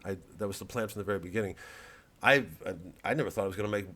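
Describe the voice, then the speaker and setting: Racing along in a fairly low voice, a middle-aged comedian plugs his work through a wandering, sardonic monologue. Every so often it erupts into loud, mocking asides.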